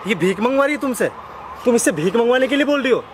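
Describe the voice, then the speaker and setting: A man's voice: extremely high pitch, animated, fast talker. A young man on a busy street outdoors, insistent and pleading, repeating himself over and over. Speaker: bystander in a prank. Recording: loud street noise outdoors.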